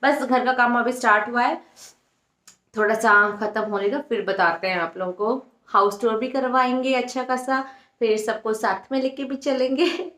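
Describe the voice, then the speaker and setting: A chatty young woman with a high voice talks to her viewers in a casual home vlog. Her lines carry a fair amount of room echo. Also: fairly even intonation, normal speed, a bit bright. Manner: chatty, mixes in English words, talks to viewers as "guys". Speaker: vlogger. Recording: echoey room.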